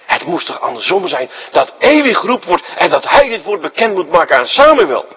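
A male preacher giving a sermon to his congregation, asking rhetorical questions and acting out the story, swinging between loud emphasis and quiet asides. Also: high-pitched, very animated, a little fast, breathy edge, low-quality recording.

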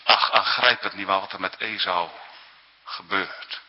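A man's voice: low-pitched, measured pace, slightly rough. A man preaching a sermon in an earnest, emphatic way, often tagging his points with questions, on a dull, lo-fi recording with a long hall echo.

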